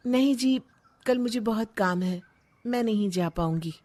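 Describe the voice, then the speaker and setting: Cartoon daughter-in-law, played by a woman: young, unhappy, plaintive, high-pitched, unhurried lines. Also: dark tone. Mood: reluctant. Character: frustrated young daughter-in-law, reluctant, thwarted painter. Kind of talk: animated moral story dialogue.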